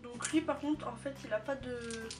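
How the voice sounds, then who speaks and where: A woman in a casual, chatty product review, pausing often with hesitant fillers. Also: on the high side, fairly even intonation. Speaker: beauty vlogger. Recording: distant mic with music behind.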